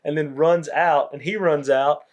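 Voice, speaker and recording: Young male podcast co-host, laid-back, animated storyteller who acts out the quotes. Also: on the high side, unhurried. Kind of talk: casual chat, retelling movie scenes.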